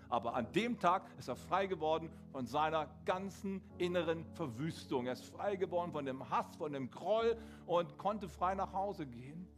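A man preaching a sermon in German, retelling a story with animated, acted-out quotes before leading into prayer. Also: mid-range voice. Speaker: pastor.

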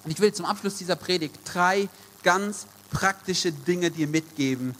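A man's voice: high voice, moderate pace, fairly bright tone, long reverb tail, a little hiss or hum. A man preaching a sermon in German, emphatic and addressing the congregation directly, repeating his key phrases. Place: church service.

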